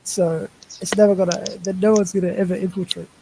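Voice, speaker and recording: A man with a fairly high but soft, mellow voice joins a casual stream panel as a guest. He trips over his first words and repeats himself, then states his point with conviction, with a faint hiss under the call. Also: flat delivery, brisk, creaky, low-quality recording. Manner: hesitant starts, repeats words, then speaks firmly. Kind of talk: casual online panel discussion. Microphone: voice call over a live stream.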